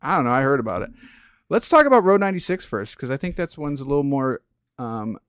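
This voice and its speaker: Lively, playful podcast co-host man. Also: medium pitch, quick pace, clear, resonant tone, no room sound, clean studio sound. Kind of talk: casual chat.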